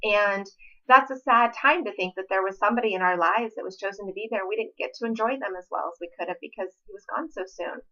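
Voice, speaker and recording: A woman's voice: medium pitch, fast, highs cut off. A woman in her forties, a relationship coach, talking earnestly and from the heart about love and loss to her viewers. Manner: earnest and heartfelt, with a gentle pleading tone. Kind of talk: personal vlog talk to camera.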